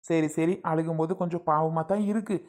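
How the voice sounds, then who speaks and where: A woman's voice: sits low, fairly even intonation, a little fast, darkish tone, natural voice. A woman playing a stubborn husband who teases and mocks his wife, in a family skit. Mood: teasing. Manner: sarcastic, teasing. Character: teasing, stubborn husband Arjun.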